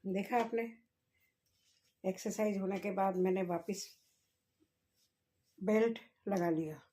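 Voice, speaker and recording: A woman's voice: mid-range voice, takes it slowly, warm tone. A woman vlogging at home in a casual chat, talking straight to her viewers and musing aloud. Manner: chatty, talks straight to viewers, muses aloud.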